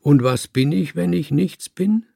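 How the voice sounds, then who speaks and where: An earnest, naive young tomcat, as a male reader puts him on, asking simple questions with eager wonder. The voice is gravelly and a little husky, and it sits close to the mic. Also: fairly high pitch, a little slow, dark tone, no echo, pitched above the performer's own voice, full character voice. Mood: puzzled.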